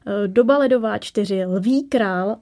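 A woman's voice: medium pitch, darkish tone. A woman hosting an interview in a chatty, joking manner. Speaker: host. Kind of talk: interview chat.

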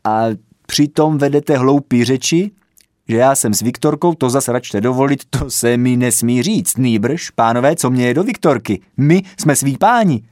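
A man's voice: mid-range voice, a little mellow, no echo, clean studio sound, pitched above the performer's own voice, lightly acted. A man voicing a proud, hot-tempered male football fan with a red nose, ranting shrilly in a read-aloud comic story. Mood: indignant.

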